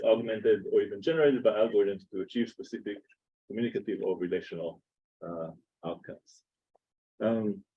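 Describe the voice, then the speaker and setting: A man with an Israeli accent giving an academic seminar talk in a lecture room, pausing often with "uh". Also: on the low side, dark tone, husky, lo-fi sound. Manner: halting, many filler "uh"s. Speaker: seminar speaker.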